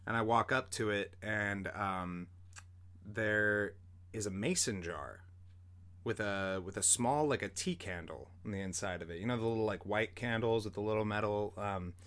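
A man's voice: fairly low pitch, moderate pace, fairly bright tone. A young man, a podcast host, telling a story in a rambling, casual way, full of fillers and the odd swear word.

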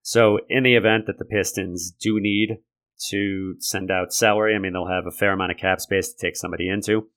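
A man hosting a sports podcast solo, talking analytically and conversationally in a gravelly voice left raspy by a lingering cold. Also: low-pitched, steady tone, brisk, a bit bright. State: raspy from a lingering respiratory infection. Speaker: podcast host. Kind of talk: sports commentary monologue.

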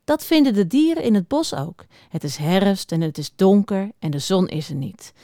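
A woman reading a picture book aloud to young children, expressive and speaking right to them. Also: mid-range voice, normal speed, no room sound, clean studio sound. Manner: expressive, talks directly to children.

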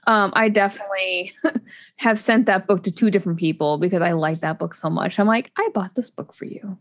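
A woman co-hosts a podcast, chatting casually about books and rambling with lots of fillers and restarts. Her voice is mid-range and a little fast.

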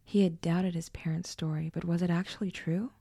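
A woman narrating a scripted horror story in a hushed, often whispered delivery. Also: on the low side, steady tone, a little fast, gravelly, dry recording, clean studio sound.

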